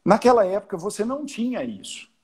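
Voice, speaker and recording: A man with a Brazilian Portuguese accent talks through music at length, restarting his sentences as he goes. His voice sits fairly high and sounds husky. Now and then he counts out beats to make a point. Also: very animated, fairly quick. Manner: explains at length with many restarts, sings and counts out examples. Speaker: choir conductor guest. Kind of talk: casual chat on a live stream.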